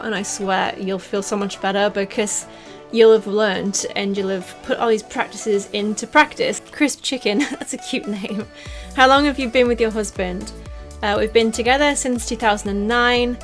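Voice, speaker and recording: A young woman from northeast England, with a softened Teesside accent, chatting in a casual Q&A vlog. She rambles with lots of "like" and little laughs as she answers fan questions. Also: mid-range voice, steady tone, normal speed, soft background music. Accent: softened Teesside English.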